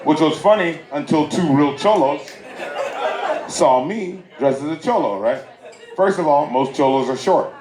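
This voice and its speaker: A man from Southern California performs stand-up at a private party. He tells loose stories in a slightly raised voice and throws playful asides to the audience. The bootleg recording echoes and carries a loud crowd. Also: on the high side, expressive, measured pace. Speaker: stand-up comedian. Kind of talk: stand-up comedy set.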